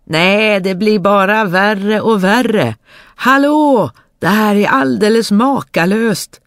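A storyteller voicing a foolish, cheerful young peasant brother who shouts eagerly in a dry recording. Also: mid-range voice, very animated, no room sound, voice pushed up. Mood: eager, boisterous.

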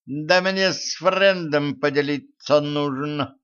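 A man voicing a cheeky young male gremlin who talks in sly, slangy, wheedling tones, with a raised pitch. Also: slow, fairly bright tone, smooth, highs cut off.

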